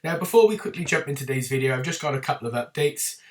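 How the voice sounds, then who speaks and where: A YouTube host chats loosely to camera in a casual film review of a film series, full of ums and small apologies. His fairly high voice is expressive and rapid-fire, though congested and a bit rough from a lingering winter cold. He's picked up from a little distance away from the microphone.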